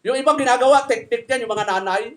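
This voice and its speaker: Man, middle-aged, Filipino accent; pastor giving a chatty, humorous sermon, very high pitch. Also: quick pace. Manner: jokey, conversational preaching with audience questions.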